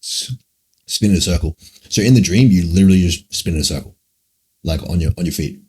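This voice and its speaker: A man's voice: low voice, fairly quick, a little mellow, breathy edge. A young man livestreaming, answering chat questions in a rambling, profane, casual way, full of "like" and "man".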